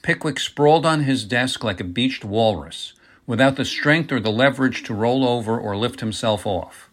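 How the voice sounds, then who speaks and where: Man reading an audiobook, steady. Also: mid-range voice, normal speed. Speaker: narrator. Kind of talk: audiobook narration.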